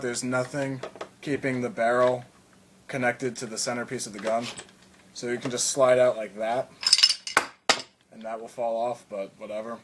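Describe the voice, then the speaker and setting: This tutorial maker has a mid-range voice and records against a noisy background. He walks through a casual how-to demonstration in a rambling way, full of fillers and restarts, coughing from time to time.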